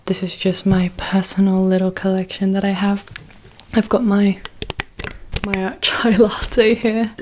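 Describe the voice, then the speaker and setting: A woman's voice: mid-range voice, darkish tone. A young woman chatting casually and self-deprecatingly about her collection, recorded on a dedicated microphone in a large, echoey bedroom. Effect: big room echo. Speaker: vlogger. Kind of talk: casual chat. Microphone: dedicated microphone, not a phone.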